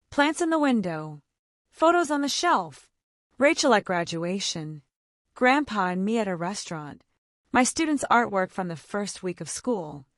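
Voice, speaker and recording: A young woman narrating her own story in the first person, in short, quiet, reflective sentences. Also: medium pitch, dry recording, studio quality. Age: young adult.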